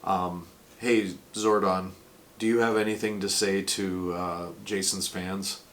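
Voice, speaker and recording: A man hosts his vlog in a low voice. He talks in a halting, rambling way, full of fillers. His pitch barely moves, and he sounds emotional and choked up. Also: flat delivery, a bit bright. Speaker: vlog host. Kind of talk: casual tribute vlog talk.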